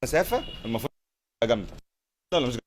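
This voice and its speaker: Fast-talking Egyptian man. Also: mid-range voice, big pitch swings, a little hiss or hum. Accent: Egyptian Arabic. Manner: chatty, repeats himself, talks to the camera crew. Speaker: tech vlogger. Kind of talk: casual gear review.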